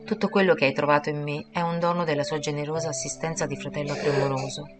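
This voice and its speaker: A tender young woman, sorrowful and pleading, as a woman narrator reads her. The voice is low and soft, heartfelt in every phrase. Music plays clearly behind the reading. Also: fairly even intonation, fast, close to an everyday voice. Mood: sad pleading.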